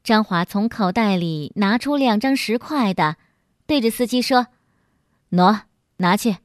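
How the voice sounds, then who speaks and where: Expressive woman storyteller, higher voice. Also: normal speed, no room sound, studio quality. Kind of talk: scripted story narration.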